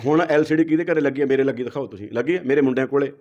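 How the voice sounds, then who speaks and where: Fast-talking lecturing Punjabi man. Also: mid-range voice, darkish tone. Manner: lecturing, asks rhetorical questions. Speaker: interview guest. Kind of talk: heated interview answers. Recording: dull lo-fi recording.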